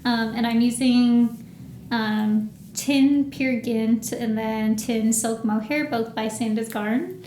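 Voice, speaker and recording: A woman's voice: on the high side, fairly even intonation, slow, mellow, a little hiss or hum. A woman co-hosting a podcast in a chatty, rambling casual chat. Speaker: podcast co-host. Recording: echoey room.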